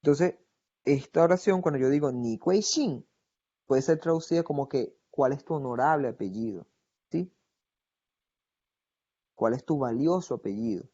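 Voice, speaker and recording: A man teaches a grammar lesson at an even, middle pitch. He is patient and explanatory, and often pauses to model phrases slowly. The recording sounds muffled and lo-fi. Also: breathy edge. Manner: patient, explanatory, checks in with "¿verdad?"; slows down to model Chinese phrases. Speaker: Mandarin teacher.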